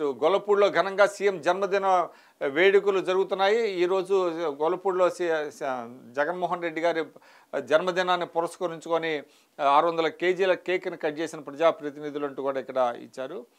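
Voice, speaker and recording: A man's voice: a little high, normal speed. A man reviewing the morning's newspaper headlines, reading each item and adding short remarks, with occasional restarts. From Telugu states of India. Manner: reads headlines then adds brief remarks, occasional restarts. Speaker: news analyst reading headlines.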